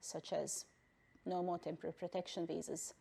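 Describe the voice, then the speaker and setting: This middle-aged refugee council president from Bosnia takes interview questions slowly and deliberately, with many pauses and filler words. She speaks at a fairly low pitch with a flat, creaky delivery, and her tone is warm and husky.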